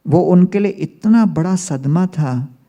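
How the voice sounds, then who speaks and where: A man's voice: high voice, takes it slowly, mellow, dull audio. A man giving a religious storytelling lecture as a spiritual teacher, telling humorous anecdotes and mixing in English phrases.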